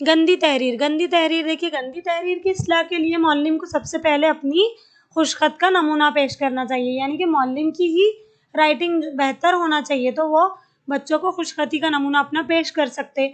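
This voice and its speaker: A woman's voice: high-pitched, steady tone. A woman teaching an exam-prep lesson, explaining step by step, repeating key terms and mixing in English words.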